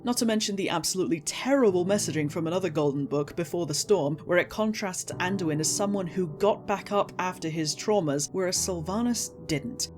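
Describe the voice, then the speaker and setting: Casting: woman with a lowish voice for sarcastic, exasperated rant commentary, emphatic and scripted, faint music underneath. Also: a little fast, hardly any pauses. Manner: indignant, sarcastic, emphatic ranting with incredulous outbursts; swears casually. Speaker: video essayist, game story critic.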